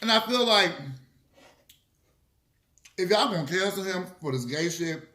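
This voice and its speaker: A man's voice: high voice, animated, unhurried, sharp tone. A man chatting casually to camera during a mukbang, opinionated and sassy, with emphatic, slangy, swearing delivery between bites. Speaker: vlogger hosting a mukbang. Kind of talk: casual chit-chat to camera while eating. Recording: roomy, echoey room sound.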